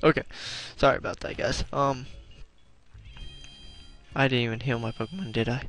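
A young man commenting on his own gameplay, excitable and profane, groaning and exclaiming at every setback. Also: medium pitch, normal speed, soft background music.

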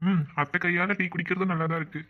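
An easygoing, teasing young husband in a cartoon, played by a woman in a lowered voice that talks quickly. The recording sounds dull and lo-fi. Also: fairly even intonation, natural voice. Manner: teasing, gentle with the child. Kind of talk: cartoon voice acting.

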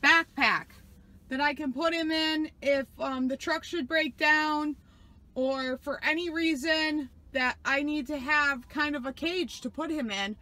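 Chatty high-voiced woman in a truck cab. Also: a little slow, sharp tone, dry recording. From New York. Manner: chatty, rambling with many fillers. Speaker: truck driver vlogger. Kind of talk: casual vlog tour. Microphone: phone camera held in hand.

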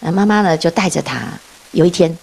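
A woman's voice: on the low side, a little fast, creaky, husky. A woman giving a dharma talk as a Buddhist nun, telling stories with frequent laughs and rhetorical questions. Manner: lively storytelling, often laughing and asking rhetorical questions.

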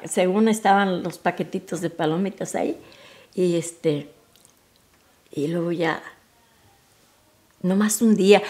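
A woman in her seventies with a Mexican Spanish accent, telling family memories in a rambling, halting way and often dropping to a near whisper. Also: medium pitch. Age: 70s. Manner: rambling and halting, with frequent restarts and soft, near-whispered asides. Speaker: mother recalling family memories. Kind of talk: informal family storytelling.

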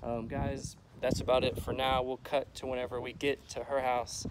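A man's voice: mid-range voice, level tone, normal speed. A young man chatting casually as a vlogger, talking into a phone held at arm's length. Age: young adult. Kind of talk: casual vlog chat. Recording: slightly noisy phone recording.

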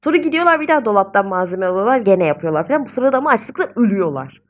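A young woman talks her way through a life-simulation game in a casual, chatty voice. She is often exasperated and coos at the babies. Her mid-pitched voice comes through a slightly dull, lo-fi home mic. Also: big pitch swings, very fast. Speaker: gaming video host. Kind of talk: casual gameplay commentary.

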